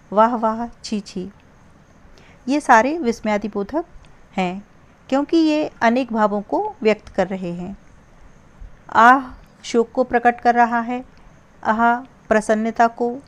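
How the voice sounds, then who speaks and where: A young woman teaching a grammar lesson, spelling out examples word by word and drawing out the exclamations. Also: on the high side. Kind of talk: slow, deliberate grammar lesson.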